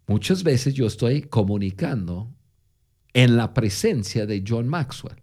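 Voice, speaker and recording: A man co-hosting a podcast who tells stories in casual Spanish, which is not his first language, with a lingering foreign accent and frequent halting restarts. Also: mid-range voice, animated, a little mellow. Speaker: podcast co-host. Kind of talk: casual conversational storytelling.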